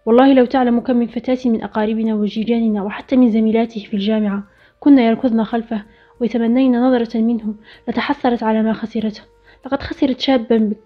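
A woman narrating a story in the first person, reading a steady scripted account. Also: fairly high pitch. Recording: dull lo-fi recording with faint music.

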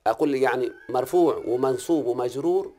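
Fast-talking Egyptian teacher, quizzing his student. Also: medium pitch, mellow. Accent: Egyptian Arabic. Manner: questioning, repeatedly checks the student understands. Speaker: Quran recitation teacher. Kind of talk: one-on-one grammar and recitation lesson.

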